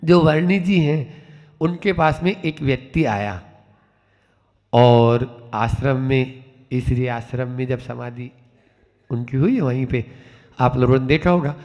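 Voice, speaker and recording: A man preaching as a Jain monk, slow and deliberate, building up emphatic repeated refrains. His voice sits high with a gravelly edge. It rings out in a long hall reverb. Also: a little mellow. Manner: slow, repetitive teaching with rising emphatic refrains. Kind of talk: sermon.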